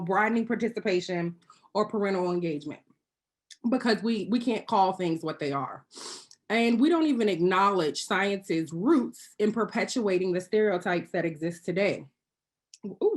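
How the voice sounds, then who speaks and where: A woman giving prepared remarks as a panelist over a video call. She speaks earnestly and pointedly, with wry asides, and now and then clears her throat. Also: mid-range voice. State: occasionally choking and clearing throat.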